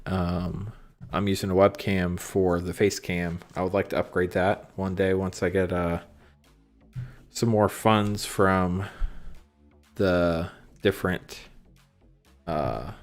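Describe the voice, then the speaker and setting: A man streaming live from his card shop, casually reading card text aloud and chatting with viewers, with frequent ums. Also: low-pitched. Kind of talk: casual livestream commentary on cards. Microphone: phone and computer stream setup.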